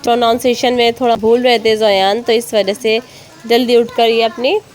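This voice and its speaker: Over soft acoustic guitar, a Pakistani mother in her thirties gives voice-over narration for her family vlog, speaking with an Urdu accent. Her voice sits on the high side with little pitch movement, and she talks at a normal speed. She sounds friendly, tells the story warmly, and speaks to her viewers politely.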